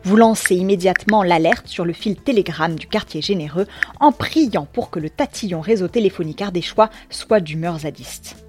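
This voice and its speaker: A woman's voice: on the low side, lively intonation, normal speed, a little mellow, faint music behind. A woman reading a scripted second-person story with wry, ironic asides and a few slangy touches. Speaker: narrator.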